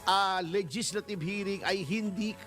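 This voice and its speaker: A man's voice: sits high, a little slow, a bit bright, faint music behind. A male lawyer as a guest in a casual interview, talking bluntly and mockingly and laughing as he speaks.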